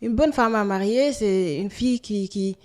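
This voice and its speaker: A woman around forty from Senegal, answering interview questions in a hesitant, soft-spoken way with many pauses. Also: medium pitch. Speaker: guest.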